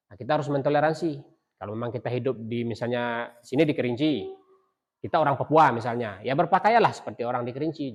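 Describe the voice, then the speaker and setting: A middle-aged man teaching a class, asking rhetorical questions and pausing on fillers and restarts. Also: mid-range voice. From Indonesia. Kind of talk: classroom lecture.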